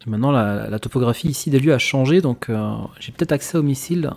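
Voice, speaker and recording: Man, let's play gamer, casual commentary, excitable, middle pitch, faint game music underneath. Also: fast talker, vocal fry. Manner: excitable reactions, occasional swearing. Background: faint video game music.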